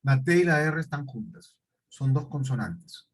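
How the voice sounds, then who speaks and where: A man teaching a class, explaining slowly and deliberately and checking often that his students follow. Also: mid-range voice, very animated, slightly rough, poor audio. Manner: questioning, repetitive explanations with check-ins. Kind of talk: classroom lecture.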